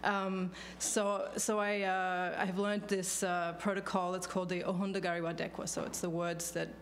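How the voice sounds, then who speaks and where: A woman's voice: on the low side, flat delivery, normal speed, a little hiss or hum. A woman in her forties with an Australian accent, speaking as a panelist at a podium microphone in a lecture hall, thoughtful with frequent fillers and restarts. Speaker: panelist, law professor. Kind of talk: conference talk. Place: law school lecture hall. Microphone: podium microphone on stand.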